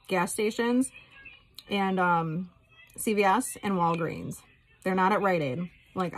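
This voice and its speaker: Casual woman vlogger just rambling along, candid and chatty, mid pitched voice. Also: rough recording.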